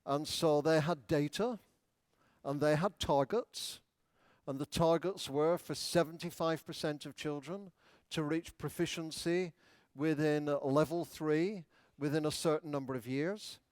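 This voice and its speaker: Guy giving a keynote in a big hall, higher voice, slow and smooth, explains things step by step. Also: a little mellow. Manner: playful, leads audience in exercises; measured explanatory lecturing. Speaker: education speaker. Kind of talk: conference keynote talk. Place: large conference hall.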